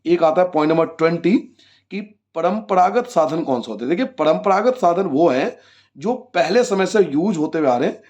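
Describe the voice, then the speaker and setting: A man's voice: a little high, lively intonation, moderate pace, darkish tone, lo-fi sound. A man teaching a class 10 geography lesson, asking his own questions and answering them, repeating the key points for his students. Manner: addresses students as children.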